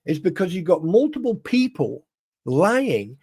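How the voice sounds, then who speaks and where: Emphatic man, higher voice. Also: sing-song, unhurried, a little mellow, breathy edge. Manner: emphatic, swears, many restarts. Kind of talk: casual livestream chat.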